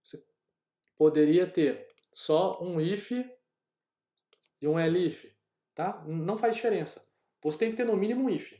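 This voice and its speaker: The echoey room carries a fairly high, dark voice: a Brazilian programming teacher casually narrating each step of a screen-recorded coding lesson to his class.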